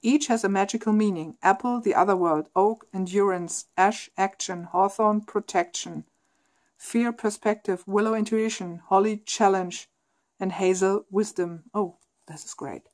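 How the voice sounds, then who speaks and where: A woman's voice: medium pitch, unhurried, a little mellow. Enthusiastic woman unboxing a tarot deck. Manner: enthusiastic, gushing over artwork. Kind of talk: casual unboxing chat, reading aloud.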